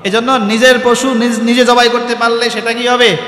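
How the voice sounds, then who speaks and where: A man's voice: extremely high pitch, little pitch movement, normal speed, bright, forceful tone, roomy sound, long reverb tail. A man preaching a sermon who keeps asking his listeners questions and answering them himself, and chants Arabic supplications.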